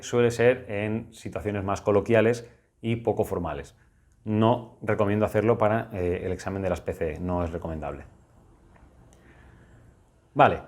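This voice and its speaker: A young man from Spain with a Spanish accent, teaching English grammar in a recorded video lesson, patient and explanatory, repeating key points. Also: medium pitch.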